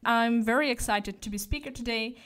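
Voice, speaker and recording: A woman's voice: fairly high pitch, a little fast, a bit bright. A young woman from Portugal whose first language is Portuguese, introducing herself on a podcast in a friendly, slightly hesitant way. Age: young adult. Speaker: podcast co-host. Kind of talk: casual introduction.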